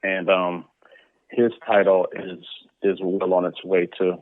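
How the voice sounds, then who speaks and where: A comic book creator, appearing as an interview guest, talks casually and conversationally. His voice sits low, the delivery is completely flat and measured, and there's no room sound at all. The line is dry and tinny, like a phone.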